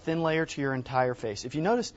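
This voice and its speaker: On a home shopping show's indoor TV studio set, a man in his thirties appears as an expert guest, pitching a product emphatically and repeating words for stress. His voice sits on the high side, expressive and fast. A lapel mic captures slightly dull, lo-fi broadcast audio.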